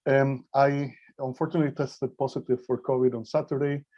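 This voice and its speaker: Male guest lecturer, informal and halting, voice a bit weak with a cold, muffled lo-fi video call sound. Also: medium pitch, level tone, mellow. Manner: hesitant, halting delivery. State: slightly weak voice from a mild cold. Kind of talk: informal online presentation. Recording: dull, lo-fi video call audio.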